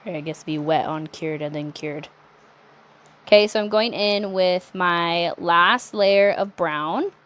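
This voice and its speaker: A woman's voice: lowish voice, takes it slowly. Chatty woman giving a nail tutorial. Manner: chatty, relaxed, self-correcting asides. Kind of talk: casual step-by-step tutorial narration.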